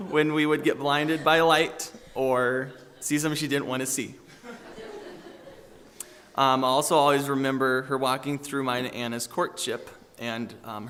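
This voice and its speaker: A man's voice: medium pitch, a little hiss or hum. Man giving a eulogy in a church hall. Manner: warm storytelling with hesitant fillers and laughs. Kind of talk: memorial eulogy. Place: church sanctuary.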